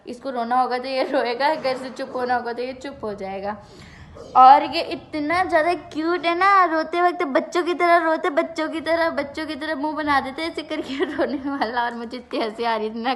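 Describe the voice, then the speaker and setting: A young woman chatting casually in a home vlog, telling stories in an animated way and repeating phrases for emphasis. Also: high-pitched, slight background noise. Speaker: vlogger. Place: at home, indoors.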